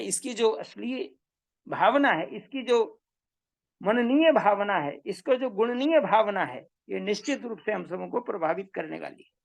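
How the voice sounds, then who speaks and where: A woman giving a measured, emphatic lecture on Vedic meter, repeating her key points. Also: medium pitch, vocal fry. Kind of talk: slow explanatory lecture.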